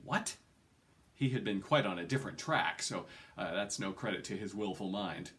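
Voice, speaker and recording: A low-pitched man in his forties, speaking at a moderate pace with a fairly bright tone, reads aloud from a fantasy novel. He's in a small indoor home room, performing theatrically like an audiobook narrator, with occasional slight stumbles.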